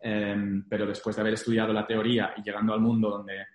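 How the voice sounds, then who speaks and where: Echoey, low-voiced young man speaking Spanglish. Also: level tone, fast. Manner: Spanglish, mixing English business terms into Spanish. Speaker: interview guest, former investment banking analyst. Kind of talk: casual interview, telling career experience. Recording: echoey room.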